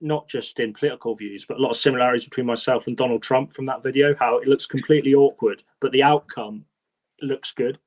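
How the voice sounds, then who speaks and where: A man's voice: mid-range voice, fairly even intonation, fast. A man, co-hosting a casual podcast chat, talking with enthusiasm and rambling restarts. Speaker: podcast co-host.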